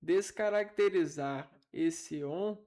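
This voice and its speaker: A man giving an informal linguistics lesson, halting and thinking aloud as he repeats syllables. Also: fairly high pitch, mellow. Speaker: teacher.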